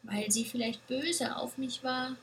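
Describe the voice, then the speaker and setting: High little goat kid as a lady reading puts her on, childlike and pleading, storybook voice, slow. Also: steady tone, fairly bright tone, a little hiss or hum. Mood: sheepish. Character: little girl goat, young and emotional.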